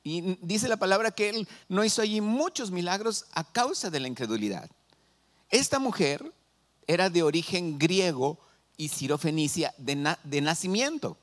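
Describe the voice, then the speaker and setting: Mexican spanish pastor guy, middle-aged, bit high voice, really animated preaching. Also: moderate pace. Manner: animated, asks the congregation questions. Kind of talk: sermon.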